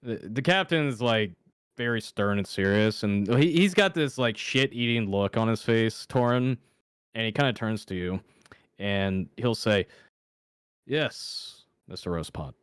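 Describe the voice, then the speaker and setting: A man narrating as game master in a casual, chatty way, with quick asides to his players. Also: on the low side, animated, clear, resonant tone, dry recording, clean studio sound. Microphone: camera mic.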